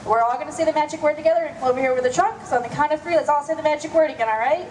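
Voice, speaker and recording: A woman's voice: sits high, very fast, a little mellow. A woman presenting a scripted live children's animal show as a magician, coaxing the crowd like a kids' party magician. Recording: echoey, noisy live show ambience.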